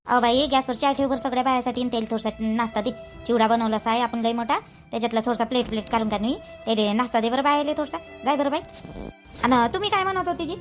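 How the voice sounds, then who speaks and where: A woman playing a bossy, sharp-tongued mother-in-law, calling out orders. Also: fairly even intonation, soft background music, lightly acted. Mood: bossy, busy. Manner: calls out orders, quick and shrill.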